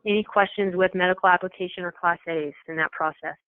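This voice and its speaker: Steady in tone and fast, a mid-range voice gives coaches a matter-of-fact briefing as the program coordinator explains things informally in a meeting. It comes through a tinny, echoey telephone conference line.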